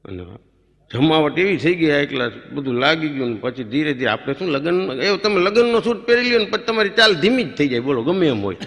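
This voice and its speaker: Gravelly bright-voiced comic man. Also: on the high side, a little fast. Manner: lively rustic storytelling, acting out quoted voices. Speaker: stand-up comedian. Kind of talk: comic storytelling before a live audience. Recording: live stage recording in a reverberant hall.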